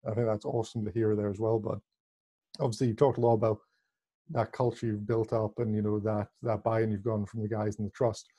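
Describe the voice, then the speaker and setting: A man's voice: on the low side, flat delivery, a little fast, warm tone, slightly rough. A man hosting an interview, affirming his guest and asking follow-up questions. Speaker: podcast host.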